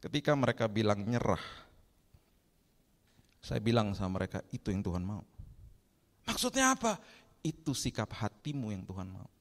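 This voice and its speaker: Pastor guy preaching, animated storytelling, voice echoing long in a big church hall. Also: fairly low pitch, normal speed, pauses often. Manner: lively storytelling, acting out people's pleas in a raised voice. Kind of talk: sermon.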